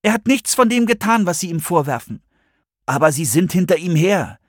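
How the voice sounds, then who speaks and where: A man voicing a defiant, stubborn teenage girl in an audiobook, with sharp, indignant retorts. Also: high voice, very animated, normal speed, dry recording, clean studio sound, pitched above the performer's own voice. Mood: earnest.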